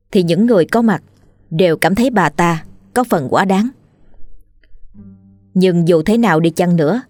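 A woman storyteller reading a scripted horror story in a steady, measured way. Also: on the low side, no room sound.

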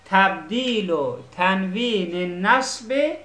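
A woman's voice: mid-range voice, lively intonation, fairly bright tone. A woman teaching a class, patiently explaining and often asking if the students follow. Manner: patient, keeps checking students understand. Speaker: Arabic teacher. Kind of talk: classroom lesson. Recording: echoey classroom.

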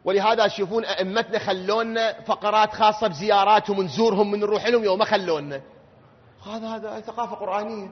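A man with an Iraqi accent giving a religious lecture, going from quiet explanation to loud, emphatic questions. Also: high voice, fast, husky. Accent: Iraqi Arabic. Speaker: cleric. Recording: lo-fi with long hall reverb.

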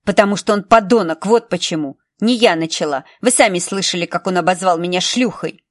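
A woman voicing a defiant, foul-mouthed teenage girl who yells when she talks. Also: brisk, lightly acted. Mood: sullen. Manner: shrill and yelling.

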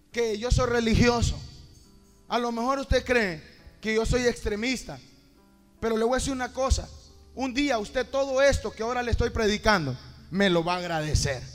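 Impassioned high-voiced preacher man. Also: long reverb tail. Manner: impassioned preaching, rising to shouts. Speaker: pastor. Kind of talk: sermon.

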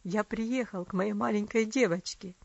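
A woman voicing a grief-stricken father whose voice comes out hoarse and choked. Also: mid-range voice, fairly even intonation, normal speed, dry recording, muffled recording, voice pushed down, lightly acted. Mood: tender.

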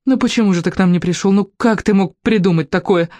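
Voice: medium pitch, fast talker, darkish tone, dry recording, pitched above the performer's own voice, lightly acted. A reader voicing a fierce, caring mother. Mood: tender. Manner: tender, then indignant. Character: caring mother, brave and fiery when protecting.

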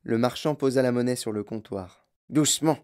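A man reading a children's novel aloud as an audiobook narrator, with expressive storytelling. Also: medium pitch, fairly quick, smooth. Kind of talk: scripted narration.

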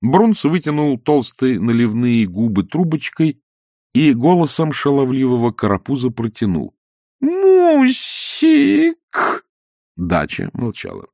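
A man narrating an audiobook in an expressive, lively storytelling manner. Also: mid-range voice, normal speed, no echo, studio quality. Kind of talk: audiobook reading.

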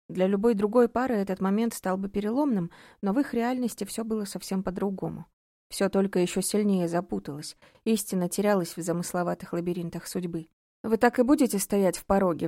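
A woman narrates an audiobook in an even, measured way. Her voice is soft and mellow, at an ordinary pitch. The recording is dry and close, with no room sound. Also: creaky, no room sound.

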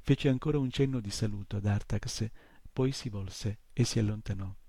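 A man narrates a novel in a steady, measured storytelling manner. His voice is dark and mellow with a gravelly texture. The recording is dry and close, with no room sound. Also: lowish voice, no room sound. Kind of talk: audiobook reading.

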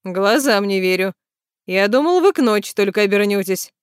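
A man's voice: high voice, moderate pace, smooth, no room sound, lightly acted. Grumbling dismissive man, read by a woman, storybook, dry recording. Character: gruff practical older brother, grumbling.

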